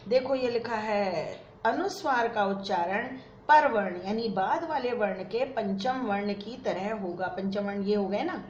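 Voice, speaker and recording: A woman's voice: a little high, a little mellow. A woman teaching a Sanskrit lesson, patiently explaining and repeating word forms in drills, dropping English words into her explanations. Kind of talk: classroom lesson at a board. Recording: echoey room, dull lo-fi sound, faint noise.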